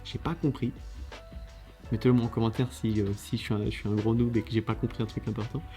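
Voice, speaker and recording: A man hosting a casual video, judging contest entries in a lively, chatty way with many fillers and restarts. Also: lowish voice, fast talker, soft background music.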